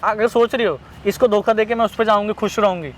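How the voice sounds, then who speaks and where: Fast, high-pitched pleading young man. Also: steady tone, slight background noise. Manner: pleading, quick and raised in protest. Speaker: husband in a staged street skit. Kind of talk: heated street-skit argument.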